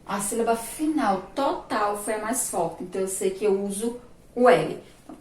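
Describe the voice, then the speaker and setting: A fairly high-voiced Brazilian woman teaching young children over a remote class, recorded from across an echoey room. She speaks patiently and draws words out slowly, syllable by syllable. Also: darkish tone, recorded from a distance. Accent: Sergipe Brazilian Portuguese. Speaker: primary school teacher. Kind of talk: remote class lesson at a board.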